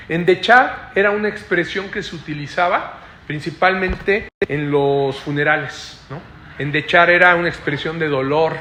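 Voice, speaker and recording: Bright-voiced man preaching in an echoey room. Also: high voice. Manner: keeps adding questioning "¿no?" tags to the listeners; explains slowly, repeating phrases. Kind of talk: Bible study sermon.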